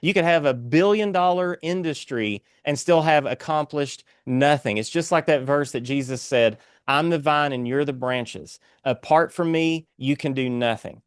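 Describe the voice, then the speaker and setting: A man's voice: on the high side, normal speed, hardly any pauses, clear, resonant tone, dry recording, clean studio sound. A man with an Appalachian accent speaking as a guest author in an earnest, inspirational interview, exhorting like a preacher.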